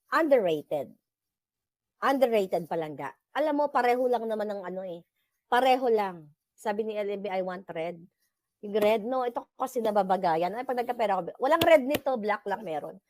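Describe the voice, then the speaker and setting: A woman's voice: mid-range voice, expressive, moderate pace, a little mellow, dry recording. A woman with a Filipino accent hosting a casual live chat with viewers, mixing Tagalog and English and laughing often. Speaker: livestream host.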